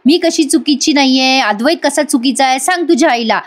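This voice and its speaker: A woman's voice: high voice, a little fast, close to an everyday voice. A woman voicing an angry, suspicious young husband who needles his wife sarcastically. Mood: irritated. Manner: sarcastic, accusing.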